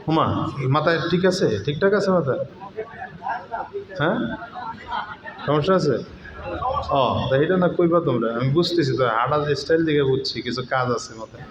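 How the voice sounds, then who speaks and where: Stern preacher with a Barisal accent. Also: male voice, fairly high pitch, normal speed, long pauses, roomy sound, a crowd in the background, rough recording. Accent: Barisal Bengali. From Barisal, Bangladesh. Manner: stern, scolding the audience mid-sermon; rises to a shout on key points. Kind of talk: open-air sermon.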